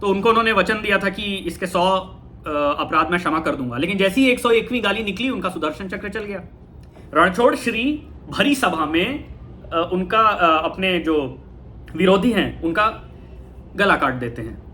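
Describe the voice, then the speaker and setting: A man giving a casual talk on spirituality, thoughtful, pausing and correcting himself often. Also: high voice, animated, pushed and bright, slight background noise. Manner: thoughtful, with frequent fillers and self-corrections. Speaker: talk host.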